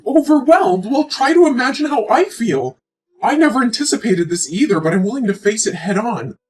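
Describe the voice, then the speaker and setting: This woman's voice sits on the high side, husky and a little mellow, delivered expressively and a bit quickly with soft music underneath. She's in her twenties, acting as an emotional, reproachful pregnant girlfriend pleading in a scripted relationship drama.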